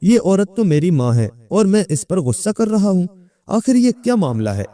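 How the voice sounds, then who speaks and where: A man's voice: high voice, very animated, warm tone. A man voicing a young man who insists he is the caliph, speaking in a commanding, indignant way. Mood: bewildered.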